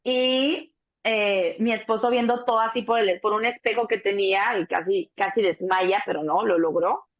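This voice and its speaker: A Mexican woman in her thirties, a doula, telling a birth story in a relaxed chat, acting out the voices of the people in it and swearing casually. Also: medium pitch, moderate pace. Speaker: doula, co-host. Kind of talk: casual conversation. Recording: dull lo-fi sound.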